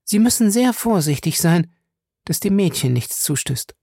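A man putting on a high, affected society lady. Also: expressive, moderate pace, vocal fry, a little mellow, no echo, clean studio sound, exaggerated voice. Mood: affected, worried. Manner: affected, urgent. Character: poised married woman, worried and a little affected. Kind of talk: audiobook character voice.

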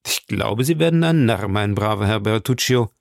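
A man reading an audiobook, voicing a cool, ironic aristocratic count who speaks calmly and sardonically. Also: lowish voice, vocal fry, no echo, studio quality. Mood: sardonic. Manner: calm, sardonic, measured.

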